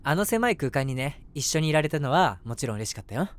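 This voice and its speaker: In a situation voice drama, a voice actor plays an eager, submissive, lovestruck young man delivering a first-person monologue to the listener. His voice is a little high and sing-song at a quick pace, chatting and rambling with self-mockery in a deflated, wistful mood.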